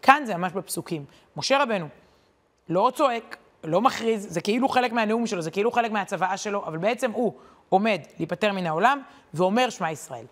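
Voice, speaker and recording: A woman giving a weekly Torah lesson in a conversational, animated way, often pausing on hesitation fillers. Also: mid-range voice. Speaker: Torah teacher.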